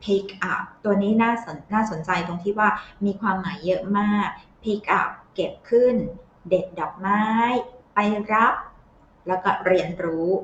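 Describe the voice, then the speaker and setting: Slow, patient woman English teacher. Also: medium pitch, a bit bright, slight background noise. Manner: explains patiently and reads English phrases slowly. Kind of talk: Thai English lesson explaining phrases. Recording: echoey, slightly dull sound.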